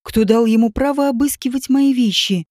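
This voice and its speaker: A woman voicing a calm, self-assured athletic man who answers with irony, in an audiobook. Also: a little high, normal speed, no room sound, clean studio sound, lightly acted. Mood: ironic.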